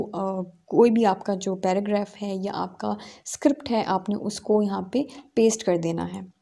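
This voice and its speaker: Mellow-voiced woman explaining software steps. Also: mid-range voice, creaky. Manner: explains step by step with fillers. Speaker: tutorial host. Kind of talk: screen-recorded software tutorial.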